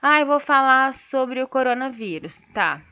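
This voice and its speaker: High-voiced Brazilian woman teaching. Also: animated, measured pace, clean tone. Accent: Brazilian Portuguese. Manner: explanatory, checks understanding with tag questions. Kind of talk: online writing lesson. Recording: dull lo-fi sound.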